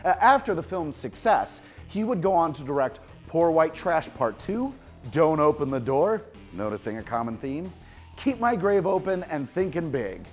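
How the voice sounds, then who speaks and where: Male horror host, sarcastic trivia delivery, bouncy expressive pitch, light music bed. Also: normal speed. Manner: wry, sarcastic asides. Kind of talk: TV host segment, trivia with jokes.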